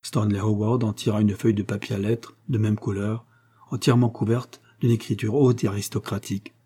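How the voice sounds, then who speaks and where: A man reading a story aloud as narrator, steady and measured. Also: on the low side, breathy edge. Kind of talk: scripted audiobook narration.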